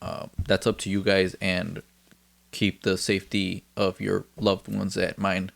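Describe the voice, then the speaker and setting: A man's voice: low voice, monotone, a little slow, vocal fry. A man hosting a casual, laid-back podcast, chatting and joking with a friend and swearing freely. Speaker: podcast host. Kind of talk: casual chat.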